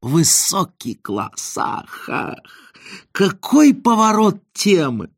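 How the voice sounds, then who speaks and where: A man puts on a giddy male wit who gushes compliments in a high, breathless voice full of sighing ahs. The voice leaps up and down in lively swoops, recorded close and dry with no room around it. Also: slow pace, creaky, husky, no echo, exaggerated voice. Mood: delighted.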